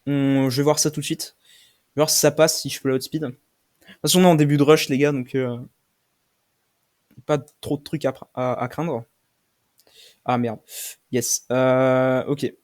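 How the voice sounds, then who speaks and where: A young man commentating his own game play, swearing often and shouting when he loses. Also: mid-range voice, level tone, measured pace, pauses often. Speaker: gaming streamer.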